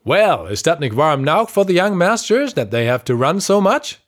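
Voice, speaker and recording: A woman voicing a calm German-American man who mixes English into Low German, speaking with an English accent. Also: normal speed. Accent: English-tinged Low German.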